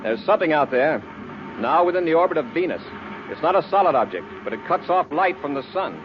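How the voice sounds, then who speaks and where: An actor playing a clipped, authoritative space patrol commander in a 1950s radio serial. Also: male voice, fairly high pitch, big pitch swings, fairly quick. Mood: urgent. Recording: noisy, dull 1950s radio recording.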